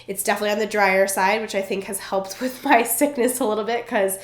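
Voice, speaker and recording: A bubbly young vlogger from Vermont chats casually to camera, full of fillers, her voice stuffed-up and congested. She's seated indoors at a relative's home with the camera in front of her, speaking quickly in a steady, medium-pitched tone, and the room adds echo.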